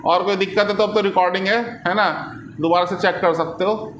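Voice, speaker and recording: Guy teaching physics, pretty high voice, keeps asking if we get it, echoey classroom with faint noise. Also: steady tone, brisk, a bit bright. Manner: explains patiently, keeps asking "ठीक है?" and "है ना". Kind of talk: classroom lecture.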